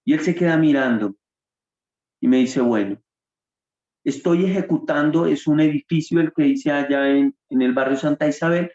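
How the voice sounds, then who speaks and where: A Colombian man tells his testimony in an earnest preaching manner, voicing the dialogue he quotes. His voice sits a bit high and is mellow. The recording is roomy and dull, like lo-fi audio. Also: moderate pace. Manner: earnest storyteller, acts out quoted dialogue with God.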